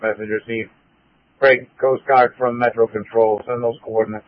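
A man's voice: mid-range voice, level tone, normal speed, no echo. A man working as a dispatcher, giving brief, businesslike calls over a two-way radio. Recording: tinny phone-like radio line.

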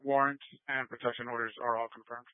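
Fast-talking officer over police radio. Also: male voice, mid-range voice, level tone, smooth, no room sound. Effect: police radio transmission. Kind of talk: clipped radio reports. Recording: tinny dry two-way radio.

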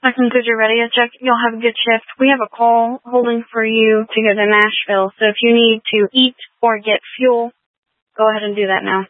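A woman dispatcher comes through a two-way radio with a thin, tinny, band-limited sound. She rattles off call codes quickly in a crisp, clipped way, keeping her pitch fairly flat. Her voice sits a little high and dry. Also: dry recording. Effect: heard over a two-way radio. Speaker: emergency dispatcher. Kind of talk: brisk radio dispatch calls. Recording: tinny narrow radio transmission.

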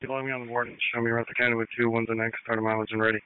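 A police officer calling in over the radio in clipped codes and numbers. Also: male voice, medium pitch, flat delivery, rapid-fire, clear, resonant tone, no room sound. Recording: tinny dry radio transmission.

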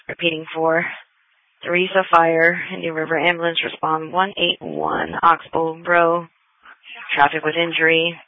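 An emergency dispatcher speaks over a two-way dispatch radio in a flat, even monotone, slowly spelling out codes and addresses. The sound is thin and boxy like a phone line, with a dry, close quality and no room around it. Every call is procedural and level. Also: medium pitch, no echo. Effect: two-way dispatch radio transmission. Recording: tinny, narrow radio channel.

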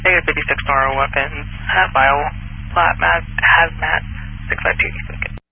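A man's voice: a little high, steady tone, normal speed, creaky, husky. A man working as police dispatcher, giving clipped radio codes in a matter-of-fact way over a police radio transmission. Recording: tinny, narrow police radio channel.

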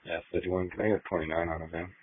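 Low husky officer on police radio. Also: male voice, little pitch movement, fast, no echo. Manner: terse, spells plates phonetically. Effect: police radio transmission. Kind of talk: radio traffic with dispatch. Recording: tinny radio scanner audio.

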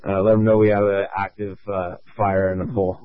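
Guy calling out orders over a scratchy two-way radio, lowish voice, thin dry sound. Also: little pitch movement, no room sound. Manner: clipped, procedural, halting with fillers. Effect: two-way radio transmission. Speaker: fire incident commander. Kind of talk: fire radio dispatch traffic. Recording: tinny radio channel, dry.

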